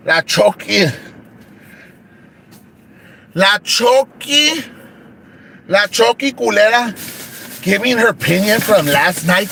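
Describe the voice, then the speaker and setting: A man's voice: high-pitched, creaky, sharp tone, a little hiss or hum. A man with a Mexican accent doing a crude comedic rant in a brash female persona, mixing English words into his Spanish and constantly calling out to "guys".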